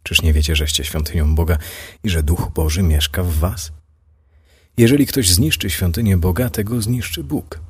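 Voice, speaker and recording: A man hosts a devotional program and reads scripture slowly and solemnly. His voice sits very low and has a breathy, husky texture. He reads steadily, with weight on each phrase. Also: a little mellow. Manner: measured, solemn reading. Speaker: radio host and Bible reader.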